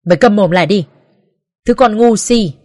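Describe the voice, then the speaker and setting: A woman voicing a bitter, harsh old mother-in-law who shouts insults at her son. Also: mid-range voice, moderate pace, close to an everyday voice. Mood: furious scolding.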